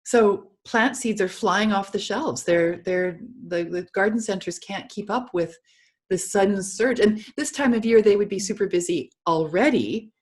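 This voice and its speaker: A middle-aged woman co-hosting a casual video-call chat, agreeable and quick to laugh. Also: medium pitch. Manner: chatty, agreeable, laughs often. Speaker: co-host of essential oils show.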